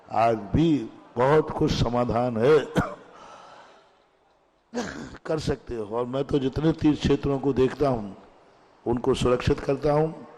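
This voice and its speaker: A man's voice: a little high, mellow, big-room sound, poor audio. A male monk answering questions in a discourse, speaking emphatically and repeating his key phrases.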